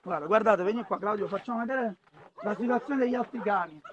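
Urgent high-voiced man arguing in a crowd. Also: fast talker, lo-fi sound. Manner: insistent and urgent, pleading and arguing. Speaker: animal rights activist filming a dog rescue. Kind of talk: live confrontation on camera. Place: street outdoors among agitated people. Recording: loud crowd around.

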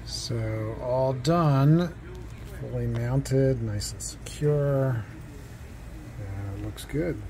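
Off screen and filming with a handheld phone, this DIY host narrates a home how-to video in a mellow, medium-pitched voice. He's hesitant, full of fillers and restarts, and moves between indoors and a house's front door, with a little hiss or hum on the recording.

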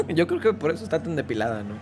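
A man's voice: a little high, big pitch swings, fast talker, over music. A man with a Mexican accent, chatting casually and joking while he plays and comments on a game. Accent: Mexican Spanish. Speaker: gaming YouTuber.

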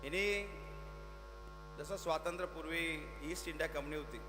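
Maharashtrian man's high-pitched rally speech, heavily reverberant. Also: fairly even intonation, moderate pace. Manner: exhorting, emphatic, rhetorical repetition. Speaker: political speaker. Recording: long hall reverb, mains hum, music behind.

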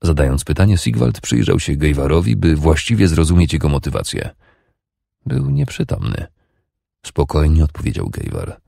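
A man narrating an audiobook in a steady, even reading voice. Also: rumbling low, a little fast, creaky, hardly any pauses, slightly rough, dry recording, studio quality.

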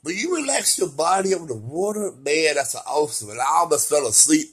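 A man talking to his camera about his recovery, swinging between soft, slow remarks and loud bursts of laughter. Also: a little high, expressive, slightly rough. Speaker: vlogger sharing his recovery. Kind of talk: casual personal vlog.

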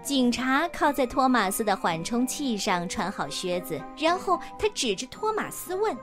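A woman telling a children's storybook tale in a playful, sing-song way. Her voice sits high and swoops lively up and down. Soft music plays under her. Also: normal speed.

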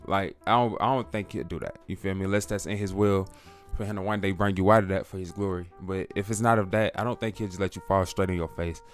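A man's voice: low voice, steady tone, fast talker. Young man, casual faith talk, preachy, slangy, faint music under. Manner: preachy, conversational, slangy, addresses viewers as bro. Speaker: YouTube creator.

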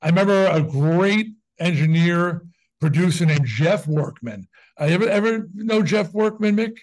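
A man in his sixties, a guest musician on an interview podcast, telling stories with wry deadpan humor. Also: high voice, low-quality recording. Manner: wry, deadpan jokes, brisk storytelling. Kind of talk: casual interview chat.

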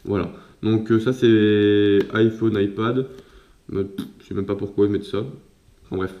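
A man's voice: fairly low pitch, flat delivery, normal speed, muffled recording. A man casually talking through an unboxing for his own vlog, chatty and laughing at himself. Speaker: vlogger. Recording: roomy echo.

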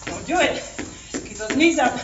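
A woman leads a workout as an aerobics instructor, urging with short repeated commands and counts while she moves. Her voice is on the high side and unhurried. It comes from across an echoey studio. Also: animated. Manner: exerting while talking, jumping and stepping. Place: large mirrored indoor fitness studio. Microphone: far camera. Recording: echoey studio, distant dull mic, music playing. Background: workout music.

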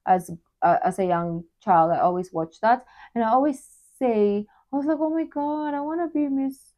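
A woman's voice: fairly high pitch, normal speed, dark tone. A young woman from the Philippines hosting a reaction video at home in her bedroom, chatting casually and cutting in with curious questions. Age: young adult.

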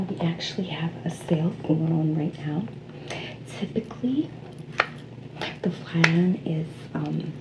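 A woman's voice: lowish voice, natural voice. Woman playing a gum-chewing Jersey saleswoman, ASMR role-play. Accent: New Jersey. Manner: chewing gum, reassuring, flattering sales patter. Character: pushy flattering female Jersey salon sales associate. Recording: clearly noisy background.

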